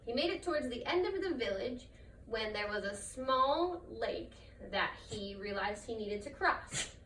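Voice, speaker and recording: A woman's voice: a little high, expressive, unhurried, fairly bright tone. A woman storyteller narrating a trickster folktale in her own improvised words. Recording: roomy, distant mic, faint noise.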